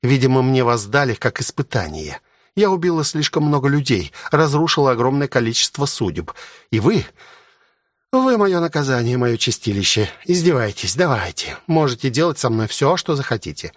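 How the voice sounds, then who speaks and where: A bitter, haughty ancient guardian maid, as a male audiobook reader puts her on, raised into a thinner, higher register. She spits out sharp, scornful retorts. The recording is close and completely dry. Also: big pitch swings, moderate pace, no room sound, natural voice. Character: ancient spiteful woman guardian serving as maid. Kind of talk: audiobook reading.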